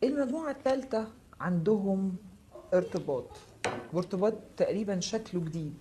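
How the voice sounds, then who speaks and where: A woman with an Egyptian Arabic accent giving a live tarot reading, answering viewers' comments with quick, reassuring, direct advice. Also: mid-range voice, animated, background noise. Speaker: tarot reader.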